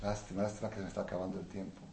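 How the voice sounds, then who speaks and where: A man teaching a Torah class as a rabbi. He swings between soft asides and loud, emphatic rhetorical questions. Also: deep voice, level tone, racing, vocal fry. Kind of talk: Torah lecture. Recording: roomy with faint noise.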